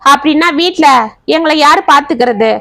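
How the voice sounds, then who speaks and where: A woman's voice: sits high, moderate pace, fairly bright tone, voice pushed up. A woman voicing a haughty, scornful middle-aged mother. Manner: scornful, complaining.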